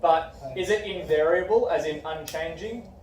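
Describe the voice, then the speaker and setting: A man's voice: fairly high pitch, moderate pace, a little mellow. A young male teacher leading a classroom discussion, asking questions and encouraging his students. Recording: echoey room from far off, faint background noise.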